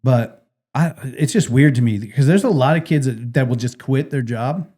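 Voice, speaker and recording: A man's voice: mid-range voice, normal speed. A middle-aged man co-hosting a podcast, telling stories in casual chat and acting out what people said. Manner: animated storytelling, acts out quotes. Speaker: podcast co-host.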